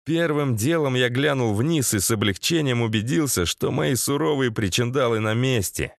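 A man's voice: mid-range voice, expressive, moderate pace, gravelly, no echo, studio quality. A man narrating a crude first-person action story in a sardonic, profane tone. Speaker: audiobook narrator.

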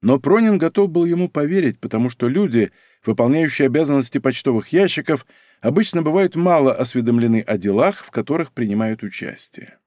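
A man narrating an audiobook in an expressive, scripted reading style. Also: medium pitch, brisk, no echo, clean studio sound. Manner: expressive, character-acting reader.

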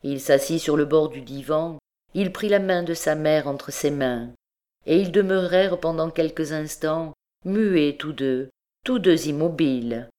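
A woman narrating a classic novel as an audiobook in a measured, deliberate way. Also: deep voice, dark tone. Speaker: audiobook reader.

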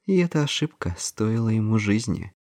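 A man's voice: fairly low pitch, expressive, moderate pace, darkish tone, dry recording, voice pushed up, close to an everyday voice. A man voicing a cold, detached young man who speaks in a dry, mocking way in an audiobook. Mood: detached, sardonic. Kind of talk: audiobook character voice.

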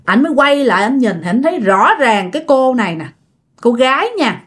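A woman with a Southern Vietnamese accent tells ghost stories in a relaxed, conversational way. Her voice sits fairly high and moves up and down in a lively manner. She often speaks straight to her listeners as she goes. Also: a little fast, breathy edge. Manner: chatty, addresses listeners directly. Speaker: storyteller. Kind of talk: casual ghost-story narration.

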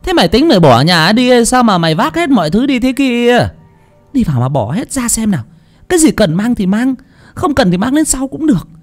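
A man voicing a sharp-tongued, scolding middle-aged mother in a storybook reading. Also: very animated, brisk, faint music behind. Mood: exasperated. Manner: shrill, nagging, much higher than the reader.

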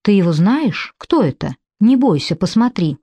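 A woman voicing a calm, weary monk who speaks in a matter-of-fact way, in an audiobook. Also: medium pitch, moderate pace, breathy edge, no room sound.

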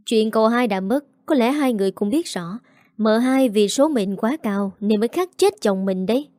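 This is a contemptuous house steward in a storybook tale, read by a woman. He speaks coldly and dismissively, in a dark, mellow tone with a dry, close sound. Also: on the high side, lively intonation, moderate pace, dry recording, lightly acted. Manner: cold, contemptuous.

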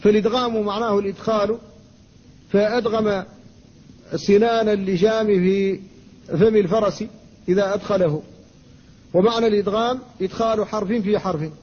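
A man, an Islamic scholar, giving a classroom lecture on Quran recitation. He explains rules at a measured teaching pace, recites verses slowly and stops to answer students. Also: high-pitched, steady tone, a little mellow, breathy edge. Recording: dull lo-fi lecture recording with faint noise.

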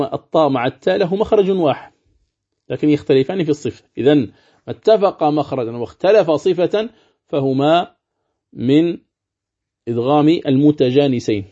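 A sheikh teaching a recorded lesson on Quran recitation. He explains step by step, repeats his points and slowly demonstrates recited words. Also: mid-range voice, dark tone. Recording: dull lo-fi recording.

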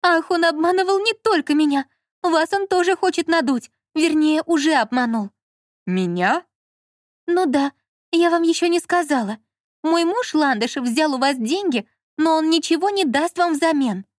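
A scheming young con woman with a high, lively voice, played by a woman reader, pushing her marks with theatrical flair in this storybook. The sound is dry and close. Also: normal speed, no room sound. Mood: tearful, gushing. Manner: theatrical, switching between cold pressure and gushing. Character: sly young woman swindler on the phone.

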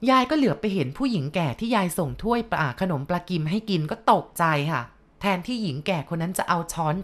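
A woman telling a ghost story in a casual, chatty way, adding asides to her listeners. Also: lowish voice.

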